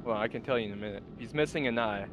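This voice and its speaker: A man's voice: mid-range voice, rapid-fire, background noise. A man chatting casually as he plays a video game, joking in informal slang. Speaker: co-op game streamer. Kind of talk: casual gaming chat.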